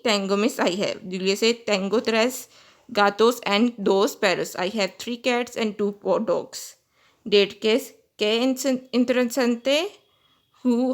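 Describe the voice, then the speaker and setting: Woman teaching words line by line, halting. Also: medium pitch. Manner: halting, repeats phrases, self-corrects with fillers. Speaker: language teacher. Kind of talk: reading a simple story and translating each word.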